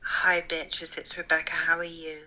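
A woman's voice: sits low, completely flat delivery, moderate pace, bright, forceful tone, low-quality recording. A woman chatting casually with a wry, self-deprecating way of exaggerating. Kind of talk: casual chat.

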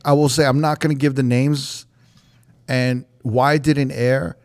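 A young man hosts a relaxed podcast, speaking a little slowly in a medium-pitched, slightly mellow voice that barely moves in pitch. He rambles loosely with profanity and frequent "like" and "you know."

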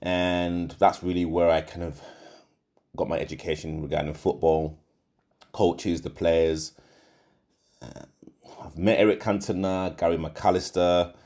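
Very deep, mellow-voiced Yorkshire man. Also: steady tone, unhurried, pauses often. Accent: Yorkshire English. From England. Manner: rambling, with frequent fillers and self-corrections. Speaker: podcast host. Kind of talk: casual solo podcast monologue.

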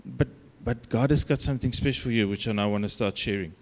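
South african guy w afrikaans accent preaching casually, kinda halting, medium pitch, modest about himself. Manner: self-deprecating, conversational, halting. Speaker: guest preacher. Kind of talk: informal sermon to a congregation.

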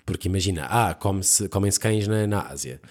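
A man with a European Portuguese accent, co-hosting a casual podcast chat, teasing with quick interjections. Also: sits low, a little mellow. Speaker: podcast co-host.

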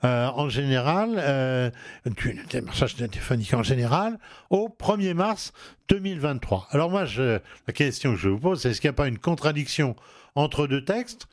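A man's voice: mid-range voice, animated, moderate pace, no room sound, studio quality. A man with a regional French accent hosting a home advice talk show, hesitant with many fillers and restarts. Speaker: radio show host.

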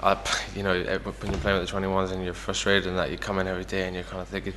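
A man's voice: low-pitched, completely flat delivery, very fast, fairly bright tone, in a large hall, a little hiss or hum. A young Irish man talking casually as the guest in an interview, full of fillers like "you know". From Ireland. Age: young adult. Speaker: footballer guest.

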